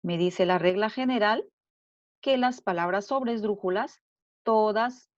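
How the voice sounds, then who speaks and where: A woman teacher giving a recorded grammar lesson, explaining slowly and deliberately and repeating her examples. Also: medium pitch, no room sound. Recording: dull lo-fi dry recording.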